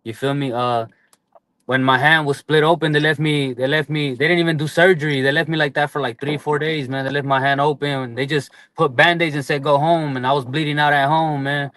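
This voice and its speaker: A man in his twenties talks quickly in a slightly high voice, earnest and heartfelt as he shares his story. He keeps adding "man" and "brother". The sound is dry and close, with little room echo. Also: fairly even intonation, fairly bright tone. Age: 20s. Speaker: boxer guest. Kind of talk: casual interview chat.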